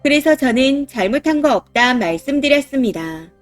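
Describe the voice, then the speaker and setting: A woman giving steady, first-person scripted narration of a reader's story. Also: high voice, normal speed, no room sound, soft background music.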